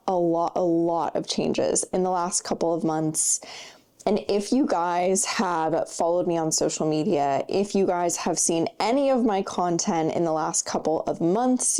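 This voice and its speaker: A woman's voice: on the low side, mellow. A woman in her twenties hosting a solo podcast, chatting in a casual, upbeat, rambling way with lots of fillers, sounding slightly congested. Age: 20s. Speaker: podcast host.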